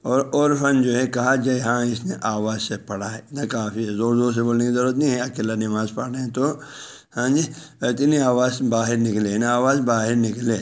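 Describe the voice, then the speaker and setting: A man's voice: mid-range voice, fairly even intonation. A male religious lecturer who reads short phrases from a text and explains each one in a plain, conversational way, speaking directly to his listeners. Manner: speaks directly to listeners, telling them to pass the ruling on at home. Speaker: religious lecturer teaching a law book.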